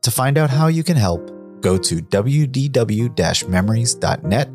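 A man's voice: mid-range voice, animated, moderate pace, music in the background. A man hosting a podcast, delivering scripted narration to his listeners. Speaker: podcast host.

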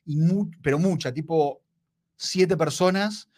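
A man's voice: on the high side, slow pace, a little mellow. A man co-hosting a casual podcast chat, repeating himself and calling his friend "amigo". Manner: chatty, repeats himself, says "amigo" often. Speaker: podcast co-host.

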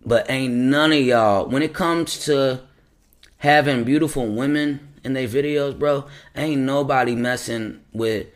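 A man hosting a podcast in a loose, rambling style, full of slang and restarts as he gives shout-outs. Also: mid-range voice, a little slow. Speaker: podcast host. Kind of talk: casual podcast chat.

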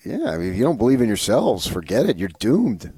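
A man's voice: lowish voice, huge pitch swings, brisk, mellow, breathy edge, no room sound, studio quality. A man co-hosting sports talk, giving conversational commentary and repeating phrases for emphasis. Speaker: sports radio co-host.

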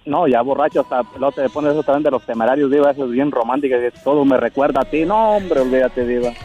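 A man's voice: mid-range voice, fast talker, darkish tone, dull audio, soft background music. A man with a Mexican accent co-hosting a radio show, rambling and repeating words as he tells stories. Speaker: radio co-host. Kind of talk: casual radio banter.

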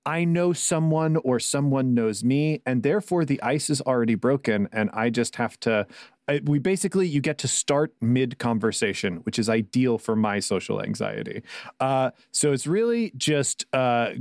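A man chatting casually as a player in a tabletop game, speaking in an unhurried, thoughtful way with many fillers. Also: medium pitch, animated, a little mellow, no room sound, studio quality. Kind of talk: casual chat.

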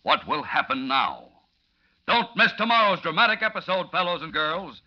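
American man, old radio announcer, dramatic serial narration, very animated intonation, urgent, dull lo-fi vintage sound. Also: on the high side, normal speed. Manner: theatrical, urgent, suspense-building delivery.

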